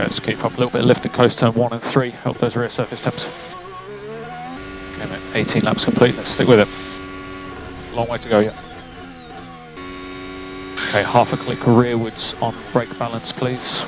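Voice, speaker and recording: A man's voice: mid-range voice, flat delivery, normal speed, pauses often, music in the background, rough recording. A man working as a race engineer, giving clipped, matter-of-fact updates over race car radio and repeating key figures. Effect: team radio transmission.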